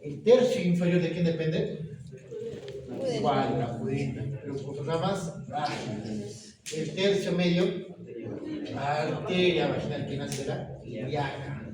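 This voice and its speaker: Echoey, distant male lecturer quizzing students. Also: on the high side. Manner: questioning, checks understanding often. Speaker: medical lecturer. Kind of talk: classroom lecture. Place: classroom. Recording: echoey room from far off, noisy.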